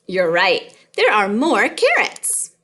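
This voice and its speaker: A woman's voice: mid-range voice, huge pitch swings, slow pace, bright, forceful tone. A woman teaching kindergarten math in a sing-song kids show host manner, speaking directly to children and counting along.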